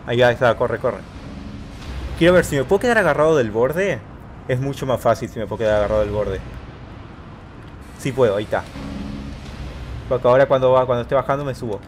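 A man's voice: medium pitch, fast talker, long pauses, a little hiss or hum. A man casually commentating his gameplay, talking himself through each move and yelping repeated words when in danger. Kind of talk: casual let's-play commentary.

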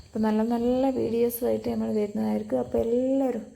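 Woman, Malabar Malayalam accent, English words mixed in, higher-pitched, gravelly creak, casual chatty vlog narration. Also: level tone, fast talker, warm tone, poor audio. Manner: chatty, addresses viewers familiarly. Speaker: family vlog host.

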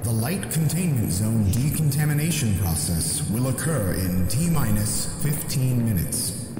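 Booming loudspeaker announcer, a male machine voice. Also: lively intonation, unhurried. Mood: stern. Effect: over a facility loudspeaker system. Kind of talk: automated announcements. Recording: heavy echo, long reverb, loud music.

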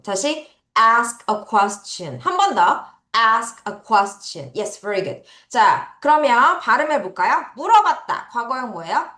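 A woman teacher leads children through English words in a bright, high voice that swings up and down. She stretches each word out slowly for them to repeat, and the room around her echoes. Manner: drills pronunciation, has students repeat words slowly; calls herself teacher, talks to kids directly. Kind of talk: online vocabulary lesson for children.

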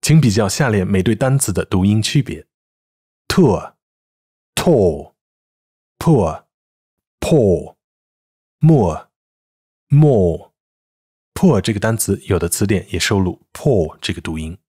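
A man teaching English pronunciation in a clear, measured scripted lesson, reading example words slowly. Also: fairly low pitch, darkish tone.

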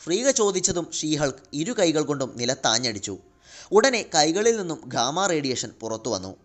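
A man narrating a comic-book story in lively scripted storytelling. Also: a little high, normal speed.

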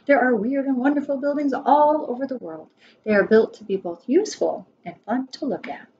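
An American preschool teacher in her forties reads a children's nonfiction book aloud in a high, fairly quick voice. She is instructive, making asides and asking her listeners questions. The recording has dull lo-fi webcam sound and background noise.

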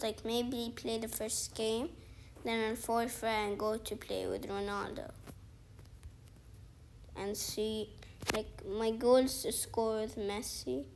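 This gaming video creator is a young woman from outside the featured countries. Her fairly high, darkish voice comes with a faint hiss or hum as she rambles through her mobile football game, thinking aloud, restarting and dropping plenty of "like"s.

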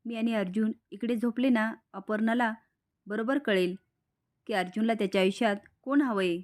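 A woman's voice: a little high, normal speed, a little mellow, natural voice. A woman voicing a calculating young woman plotting in a serial recap. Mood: scheming.

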